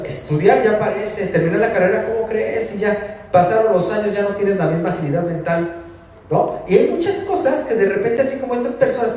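High-voiced Mexican man preaching in echoey hall. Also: a little mellow, far from the mic, slight background noise. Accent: Mexican Spanish. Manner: conversational, asks the congregation questions. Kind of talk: informal sermon. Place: church hall.

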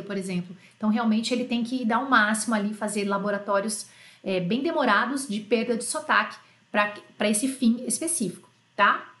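A woman gives an online French lesson with an emphatic, insistent delivery. She often repeats her key points. Her voice sits a little high, and the room adds a clear echo. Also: fairly bright tone. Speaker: French teacher.

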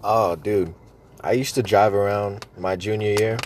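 A man's voice: lowish voice, fairly even intonation, a little slow, slight background noise. A man rambling through stories in a casual, joking, sweary way, talking with chewing tobacco in his mouth.

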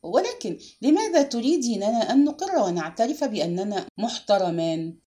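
A woman reading aloud and voicing an excitable young wife who speaks high and agitated. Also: moderate pace.

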